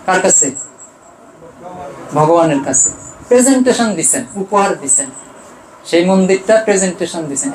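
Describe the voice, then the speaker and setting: A man giving a devotional sermon. He keeps asking questions and answering them himself, rising for emphasis and trailing off low. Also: a little mellow, echoey room, a little hiss or hum, poor audio. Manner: rises in pitch and volume for emphasis, trails off low. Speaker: preacher. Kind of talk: devotional sermon with chanted verses.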